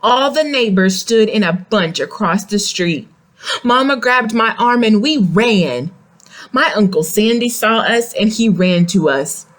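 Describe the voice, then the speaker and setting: A storyteller reads a picture book aloud to young children in a mid-range, expressive voice at a measured pace. She brings the text to life and stops to ask simple questions and explain things.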